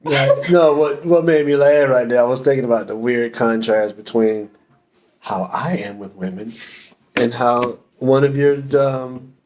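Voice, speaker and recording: A father chatting casually on his son's podcast, joking and teasing, with frequent halting restarts. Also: medium pitch, steady tone, a little mellow. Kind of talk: casual chat.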